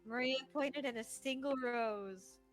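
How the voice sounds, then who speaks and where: A woman's voice: high voice, a little slow, soft background music, poor audio. A woman co-hosting a let's-play, reading visual novel narration aloud with a wry, slightly impatient manner.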